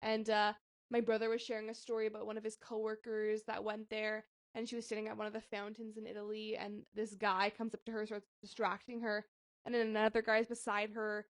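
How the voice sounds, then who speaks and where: A woman's voice: medium pitch, monotone, brisk, no room sound, studio quality. A young woman co-hosting a casual podcast chat, rambling through stories and filling them with "like". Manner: chatty, heavy use of "like". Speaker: podcast co-host.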